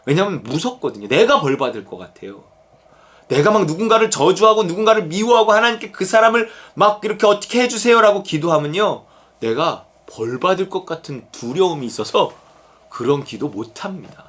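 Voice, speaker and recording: Middle-aged male pastor, high and very expressive delivery, casual, conversational preaching. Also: a little fast, breathy edge. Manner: animated, conversational preaching with acted-out quotes. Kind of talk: sermon.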